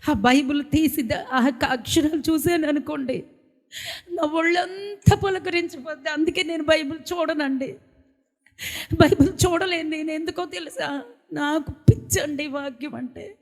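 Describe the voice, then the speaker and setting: Impassioned high-voiced Telugu woman pastor. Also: normal speed. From India. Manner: impassioned, pleading, with sudden loud outbursts. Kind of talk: emotional sermon. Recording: long hall reverb.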